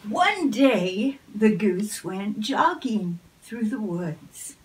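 A woman reading a picture book aloud in a slow, gentle storytelling manner. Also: mid-range voice, big pitch swings, far from the mic, slight background noise. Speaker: storybook reader.

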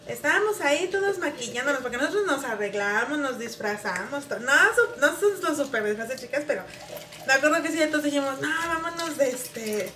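A woman's voice: high-pitched, fairly bright tone, far from the mic, a little hiss or hum. A woman and mother, chatting to her viewers in a casual, rambling way, with many fillers, while washing dishes at home. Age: adult, mother of a grown son. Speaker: vlogger. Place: home kitchen. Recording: roomy, off-mic, with dish clatter. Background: dishes, pots and pans clattering.

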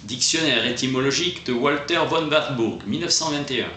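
A man's voice: mid-range voice, brisk. A man reading a book summary aloud as terse notes, with occasional restarts. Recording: echoey room with faint noise.

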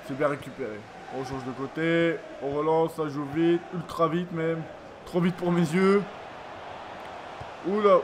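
A man commentating his own football video game match, excitable and repeating his exclamations, sounding freshly woken up. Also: on the high side. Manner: excitable, repeats phrases, lots of ooh-la-la exclamations. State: just woke up, yawning. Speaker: gaming YouTuber. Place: home room at a computer. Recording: noisy home recording.

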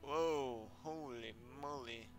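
A man hosting a casual let's-play gaming video, excitable and full of exclamations. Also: medium pitch, slow pace. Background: faint game music.

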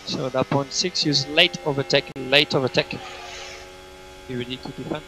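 A man's voice: mid-range voice, fairly even intonation, moderate pace, vocal fry, music in the background, rough recording. A man working as race engineer, giving terse, repetitive, clipped instructions over race car team radio. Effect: team radio transmission.

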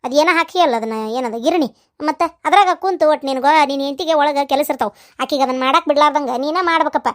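A woman's voice: high voice, fast talker, close to an everyday voice. A woman voicing a self-pitying old village woman in a cartoon, scolding and complaining with a North Karnataka accent. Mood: grumbling. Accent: North Karnataka Kannada.

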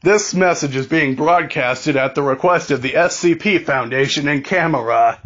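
Like an amateur, a man reads out a scripted emergency broadcast announcement formally and deliberately, halting and repeating words. His voice is a little high, somewhat bright and breathy, and the audio has its highs cut off.

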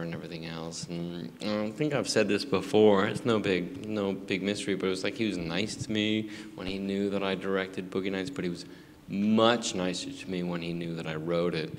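A man in his forties with an American accent, answering audience questions at a live screening Q&A, halting and rambling with lots of fillers and restarts. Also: sits low. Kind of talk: casual live Q&A. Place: large theater in front of an audience. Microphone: handheld mic. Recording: long theater reverb, background noise.

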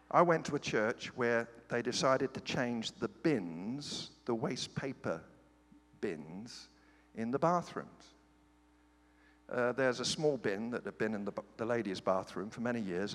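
A middle-aged British man, preaching as a guest pastor in a large church sanctuary, tells funny stories peppered with playful, joking asides. His medium-pitched, slightly bright voice moves with lively intonation at an unhurried pace. The hall is reverberant, with faint ambience in the background.

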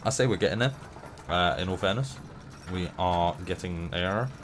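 A young gameplay streamer with a runny nose rambles playfully while playing a game, giving casual commentary. His voice is deep and his speed normal. Noisy game sound runs behind his voice.

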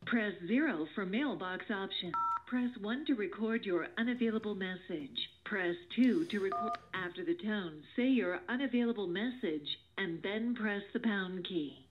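A woman's automated voicemail voice comes through a tinny, phone-like line with a faint hiss behind it. She reads menu options in an even, measured, recorded delivery at a mid pitch. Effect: heard over a phone line. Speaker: automated voicemail system prompt.

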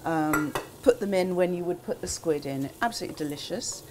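An older English woman, a cookbook author, gives a casual recipe demonstration in a small kitchen, chatty and relaxed, with asides and frequent ums. Her voice is on the low side and brisk. Food sizzles in a pan amid background noise.

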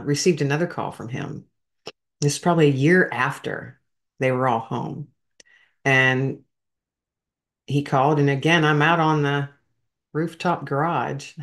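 A woman, a veteran hosting a podcast, telling an emotional story in a heartfelt, rambling way and talking straight to her listeners. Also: sits low.

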